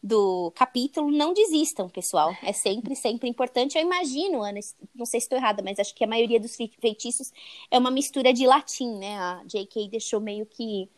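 Young woman, Brazilian accent, chatty, slightly high pitch, dry close sound. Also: animated, a little fast, no room sound. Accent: Brazilian Portuguese. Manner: chatty, tags sentences with "né?". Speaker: podcast co-host. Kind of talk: casual chat retelling a book.

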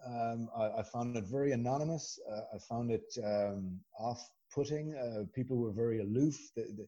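A man with a west of Ireland accent, telling stories as a chatty, animated guest in a casual conversation. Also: mid-range voice, moderate pace, highs cut off. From Galway, west of Ireland. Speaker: podcast guest.

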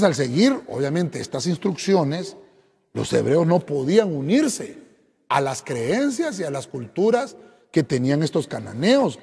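A man's voice: sits high, gravelly, a little mellow, breathy edge, in a large hall. A man, a pastor from Honduras, preaching a sermon, swelling and dropping his voice and calling his listeners brother.

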